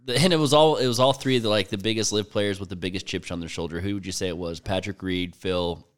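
A man with a low voice recaps a golf tournament on a podcast. He is laid-back and wry, and he works in dry jokes as he goes. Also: fast. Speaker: podcast co-host. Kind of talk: casual golf chat.

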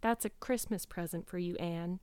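A gentle, bashful storybook man, voiced by a woman, speaking softly and hesitantly. The delivery is sheepish and clean. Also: medium pitch, animated, slow, smooth, no echo. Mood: shy, anxious. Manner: hesitant, soft-spoken.

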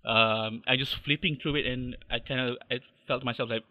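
A man's voice: medium pitch, fairly even intonation, fairly quick, phone-quality sound. A man in his thirties with a Malaysian accent, a podcast guest talking in a hesitant, modest way with many fillers. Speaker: podcast guest, fan artist. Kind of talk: casual interview chat.

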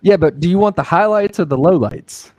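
Male podcast host, mid pitch, dry mic, teasing quips. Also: a little fast, darkish tone, no room sound. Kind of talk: casual banter.

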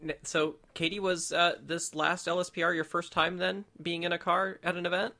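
A man's voice: sits high, flat delivery, moderate pace, sharp tone. A man hosting a podcast, asking questions in an upbeat, enthusiastic way. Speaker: podcast host. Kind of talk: interview questions.

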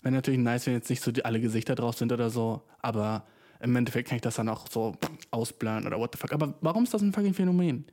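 Young man with a mellow, slangy delivery. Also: medium pitch, quick pace. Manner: rambling, profane, slangy, mixes in English words. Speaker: podcast host. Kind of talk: casual podcast monologue.

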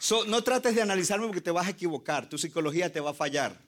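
A man delivers a passionate sermon from the pulpit, his voice sitting a little high for a man. He slips English phrases into his preaching. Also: animated, fast talker, a little hiss or hum. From Colombia. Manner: impassioned, mixes in English phrases. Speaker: pastor.

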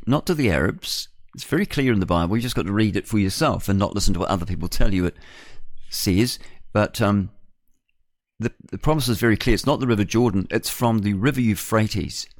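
This radio host, a man in his 60s with a New Zealand accent and a deep voice, wanders through a chatty opinion piece, drifting off topic and tossing in rhetorical tag questions. The studio-quality recording has no room sound.

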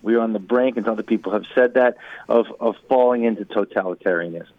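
Middle-aged man, radio interview guest, forceful emphatic delivery, low voice, phone-like dry sound. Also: quick pace, no room sound. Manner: forceful and emphatic, repeating key words. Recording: tinny phone-like line, dry.

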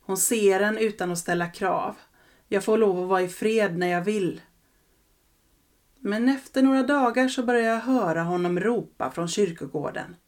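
A woman narrating a first-person childhood story in a calm, reflective way. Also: medium pitch.

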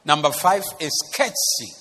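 A man preaching a sermon in church, animated and teasing, talking straight to the congregation. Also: fairly high pitch, moderate pace, husky. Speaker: pastor. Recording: long reverb of a church hall.

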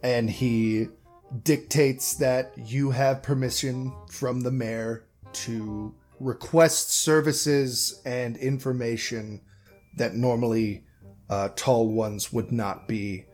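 With faint guitar in the background, a man leads a tabletop game as its game master, unhurried and meandering, often fixing his words partway through. His mid-range voice is fairly even in intonation and a little mellow.

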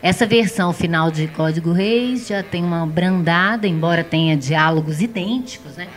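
A woman's voice: lowish voice, normal speed, faint music behind. A woman co-hosting a casual film talk, reflective and musing, often ending thoughts with a questioning tag. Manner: reflective, trailing, often ends with "né?". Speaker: co-host discussing films.

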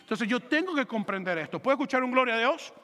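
A man preaching a sermon as pastor, animated and joking, acting out quick voices for biblical characters. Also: extremely high pitch, long reverb tail.

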